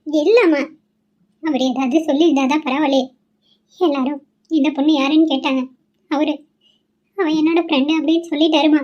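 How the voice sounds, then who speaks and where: Cartoon: high-pitched, tearful young newlywed wife, voiced by a woman, with a mellow, pleading tone. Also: steady tone, a little fast, pauses often, dull audio, lightly acted. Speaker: cartoon character voice. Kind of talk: cartoon voice acting.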